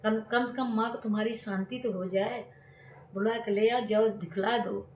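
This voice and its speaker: Woman voicing a calm old village elder. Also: a little high, moderate pace, recorded from a distance, slight background noise, lightly acted. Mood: advising. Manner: soothing, advising. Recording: roomy echo with devotional music.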